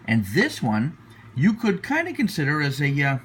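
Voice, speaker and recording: A man's voice: fairly high pitch, wildly swooping pitch, normal speed. A man giving a casual, unscripted product review as a reviewer, hesitant and often repeating himself as he searches for words. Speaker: pipe tobacco reviewer. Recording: noticeable background noise.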